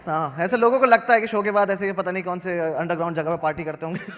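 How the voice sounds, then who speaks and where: A young man from India doing stand-up comedy. He tells stories in a sardonic, conversational way, with sudden loud outbursts. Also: high-pitched, fast. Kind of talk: stand-up comedy with crowd work. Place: live comedy venue with audience laughter. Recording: noisy live show recording.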